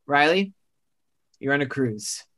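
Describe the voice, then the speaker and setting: A man's voice: a little high, lively intonation, takes it slowly, fairly bright tone. A male podcast host improvising a comic story, rambling and correcting himself as he goes. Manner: rambling, self-correcting, laughing at own jokes.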